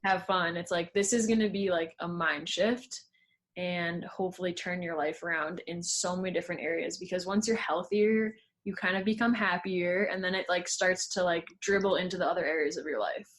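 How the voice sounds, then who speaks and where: A woman's voice: on the low side, fairly even intonation, moderate pace. A young woman in her twenties, a fitness coach, chatting casually as a podcast guest with many "like" fillers. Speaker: guest, fitness coach and former pro skier. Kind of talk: casual interview chat.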